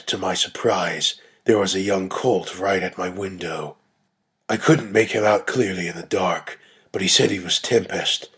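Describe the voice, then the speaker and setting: Husky, low-voiced man narrating a story. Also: fairly bright tone. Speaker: reader of a dramatic reading. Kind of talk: dramatic scripted story narration.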